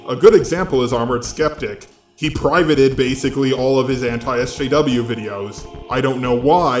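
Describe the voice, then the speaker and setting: Faint music backs a robotic, synthetic male narrator reading scripted commentary for his video essay channel. His voice is mid-range, and the recording has a roomy feel.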